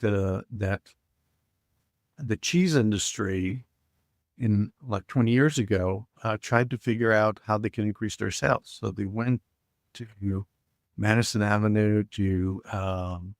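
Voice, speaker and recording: A middle-aged Israeli man appears as a podcast guest in a casual interview, often hesitating and using filler sounds. His voice is on the low side. The recording is dry with a clean studio sound.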